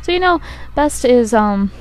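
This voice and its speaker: A woman with a croaky voice from a cold gives hesitant esports commentary, thinking aloud as she goes. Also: on the high side, expressive, a little slow, a little mellow. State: has a cold. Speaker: game commentator. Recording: buzzy microphone.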